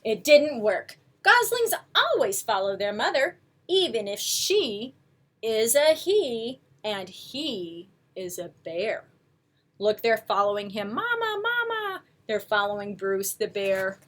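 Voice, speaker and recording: A woman with a medium-pitched voice reads a picture book slowly to an audience of young children. Her reading is expressive, sprinkled with coaxing remarks aimed at the kids.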